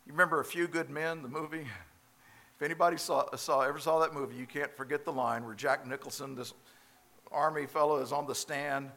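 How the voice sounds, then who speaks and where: Man, preacher, sermon, bright forceful voice, fairly high pitch, emphatic on key phrases. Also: steady tone, gravelly. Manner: slows down for quoted scripture.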